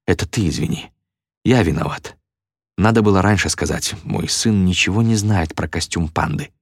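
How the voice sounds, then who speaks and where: A man's voice: deep voice, moderate pace, breathy edge, dry recording, studio quality. A man voicing a weary, embarrassed father who speaks in a tired, clipped way in a storybook reading.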